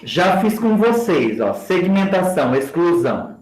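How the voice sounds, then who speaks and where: Man, teacher-training lecture, lively pitch, echoey room. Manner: spells out example words slowly for the class. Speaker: education lecturer. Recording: roomy echo.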